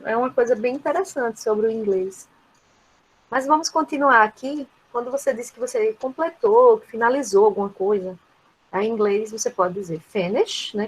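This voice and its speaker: A Brazilian woman teaches an English lesson in a patient, explanatory way. Her voice sits a little high, and she keeps checking in with her students with "né?". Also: slightly rough, rough recording. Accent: Brazilian Portuguese. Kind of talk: classroom lesson.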